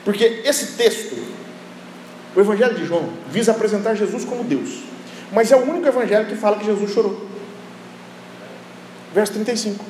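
A high-pitched man preaches with lively energy, swinging from loud shouts to hushed asides. His voice echoes through a large hall with a long reverb. Faint noise sits underneath. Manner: animated, often shouting, acts out biblical scenes with humor. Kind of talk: lively sermon.

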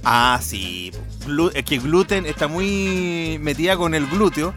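Un hombre con acento chileno charla en un podcast y cuenta anécdotas con humor y soltura. Tiene una voz de tono algo alto. Hay música sonando de fondo todo el tiempo. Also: male voice, fairly high pitch, slow pace, music in the background. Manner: playful storyteller, relaxed and chatty. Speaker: podcast co-host. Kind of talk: casual podcast chat.

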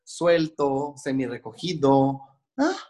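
A hair and makeup stylist with a Mexican Spanish accent tells stories on a casual podcast in a slow, warm, animated mid-range voice. He's chatty and acts out the voices of the people he describes.

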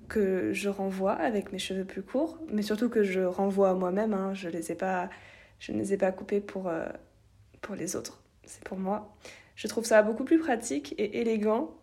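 A woman's voice: medium pitch, steady tone, moderate pace, mellow. A woman giving a short, casual personal testimony for a podcast.

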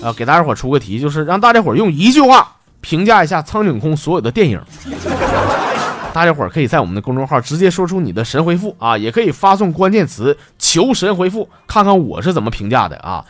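A man's voice: a little high, sing-song, quick pace, a bit bright. A man with a Northeastern Mandarin accent hosting a comedy show, telling jokes in a chatty, folksy way. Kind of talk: storytelling joke monologue.

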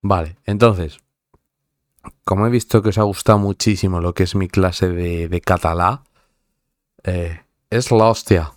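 Man, central Spanish accent, low voice, dry close sound, streamer banter, joking and swearing. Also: steady tone, unhurried, pauses often, no room sound. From central Spain. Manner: joking, swears often, laughs at himself. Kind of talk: casual live-stream chat.

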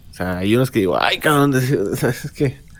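A man's voice: mid-range voice, moderate pace. A man co-hosting a podcast in casual, joking banter. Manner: joking, playful, lively delivery. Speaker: podcast co-host.

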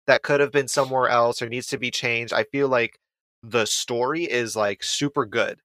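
Young guy on a movie podcast, swears a lot, laughs a lot, bright tone, dry close mic. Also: mid-range voice, fairly even intonation, moderate pace, no echo. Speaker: podcast co-host. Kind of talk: casual movie review chat.

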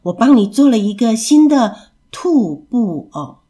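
Woman doing a gentle rabbit mother. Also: a little high, big pitch swings, measured pace.

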